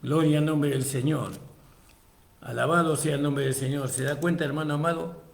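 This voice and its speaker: A slightly high, gravelly male voice delivering a sermon. He reads scripture and addresses listeners as brother, pushing his voice up for emphasis before settling back down. The sound bounces around an echoey room. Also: fairly even intonation, normal speed. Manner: addresses listeners as brother, frequent praise interjections; raises voice for emphasis, then drops low. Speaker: preacher. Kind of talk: sermon with Bible reading.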